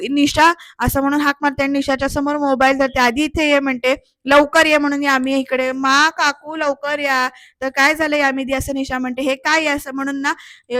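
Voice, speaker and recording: A woman's voice: high-pitched, a bit bright, no echo. A woman with a Marathi accent, chatting to viewers in a voice-over recap of a TV serial, retelling the characters' lines. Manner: chatty, addresses viewers directly, retells dialogue with light acting. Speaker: serial episode reviewer.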